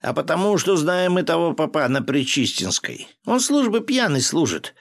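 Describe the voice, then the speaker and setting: A young soldier jeering at a comrade, his voice pitched high and loud with scorn, as a male narrator plays him. The mockery runs through every word. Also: very animated, moderate pace. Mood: mocking. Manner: mocking, jeering.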